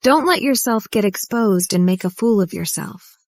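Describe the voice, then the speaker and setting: A woman's voice: mid-range voice, lively intonation, moderate pace, darkish tone, no echo, natural voice. A woman dubbing a defiant young heroine who answers her family with cutting remarks, recorded dry in a studio. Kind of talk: English drama dub.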